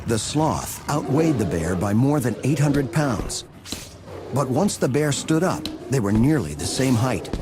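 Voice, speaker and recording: A man's voice: mid-range voice, big pitch swings, unhurried. A man narrating a nature documentary from a script, with dramatic storytelling delivery. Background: music under the voice.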